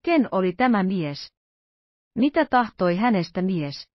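A woman narrating an audiobook in a calm, even storytelling manner. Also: medium pitch, no room sound, lo-fi sound. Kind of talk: scripted narration.

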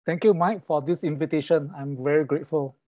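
A man's voice: a little high, steady tone, fairly quick, lo-fi sound. A middle-aged man from Singapore, a guest on a video call, talking about his background in a friendly way with frequent fillers, through a wired earphone mic. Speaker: guest, professor of sacred music.

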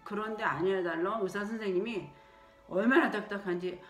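A woman's voice: mid-range voice, normal speed, recorded from a distance. A woman who works at a daycare, telling of her own experience in an indignant, storytelling way and acting out what others said. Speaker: daycare worker. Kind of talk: personal testimony. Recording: roomy echo with faint music.

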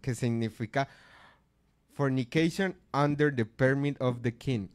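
A man's voice: mid-range voice, measured pace. A man with a Colombian accent, a comedy radio host telling stories and acting out everyone in them. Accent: Colombian Spanish. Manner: animated, acts out the people in his stories. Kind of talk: comic storytelling. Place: radio studio.

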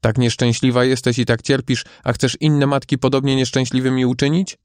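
A man voicing Death as a calm, grave female figure who tends God's garden, speaking in a measured way. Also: mid-range voice, clear, resonant tone, no room sound, clean studio sound, lightly acted.

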